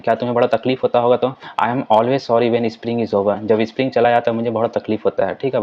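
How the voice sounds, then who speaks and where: A man teaching English in Hindi. He reads English sentences slowly, explains them quickly, and keeps saying "ठीक है" as he goes. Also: medium pitch, a little mellow, muffled recording. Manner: repeats "ठीक है" as a filler.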